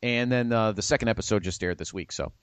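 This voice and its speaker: A man's voice: lowish voice, fast talker, clear, resonant tone, no echo. A man hosting a casual pop culture podcast, talking with enthusiasm and plugging comics and TV shows. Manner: animated, enthusiastic, plugs shows. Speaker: podcast host.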